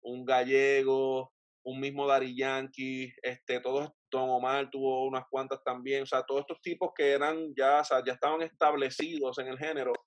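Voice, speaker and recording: A man's voice: mid-range voice, little pitch movement, moderate pace, no echo. A young Puerto Rican man hosting a video-call interview, asking long, thoughtful, winding questions from a room at home. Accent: Puerto Rican Spanish. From Puerto Rico. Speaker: host. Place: home room with bookshelves, indoors. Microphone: webcam on a video call.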